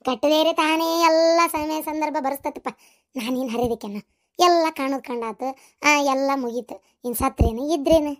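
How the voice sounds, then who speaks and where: A woman voicing chatty village women in a comic cartoon, with a North Karnataka Kannada accent and a shrill, exclaiming manner. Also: normal speed, close to an everyday voice. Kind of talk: cartoon voice acting.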